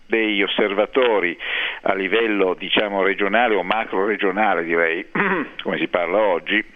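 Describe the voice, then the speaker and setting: A deep-voiced man comes through a tinny speakerphone line, sounding thin and phone-like. He is a psychiatry professor on a radio interview, talking in a measured way and pausing to think with frequent hesitations. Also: a little hiss or hum. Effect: on speakerphone over a phone line.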